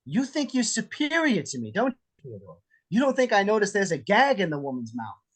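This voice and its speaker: A menacing, jealous husband with a gun, acted by a man at a script read. He is sarcastic and foul-mouthed, with theatrical, very animated swings in pitch. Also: a little fast, heavily acted. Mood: suspicious. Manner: theatrical, mocking, profane. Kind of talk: table read of a film script. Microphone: video call.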